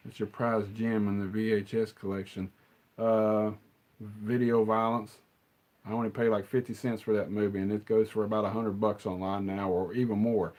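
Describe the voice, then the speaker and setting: A man's voice: lowish voice, darkish tone. A middle-aged man, hosting a rambling, casual live stream chat and answering the chat as he goes.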